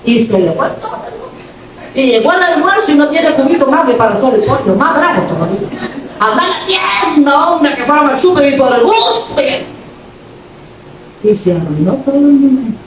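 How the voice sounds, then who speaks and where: High, animated woman preaching in echoey hall. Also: a little fast, distant mic, background noise. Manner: playful and dramatic, acting out everyday scenes; addresses the congregation directly as brother. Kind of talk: lively Pentecostal sermon. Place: church hall.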